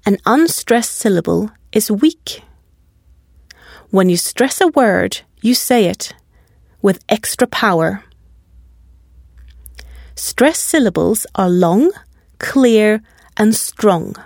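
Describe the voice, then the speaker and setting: Slow, carefully enunciating woman teacher. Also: medium pitch, expressive, vocal fry, darkish tone, dry recording, studio quality. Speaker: language course narrator. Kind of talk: scripted English pronunciation lesson.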